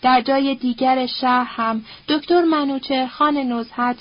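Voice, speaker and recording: Woman audiobook narrator, high voice, steady expressive read, muffled lo-fi audio. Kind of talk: audiobook reading of a novel. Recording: dull lo-fi recording.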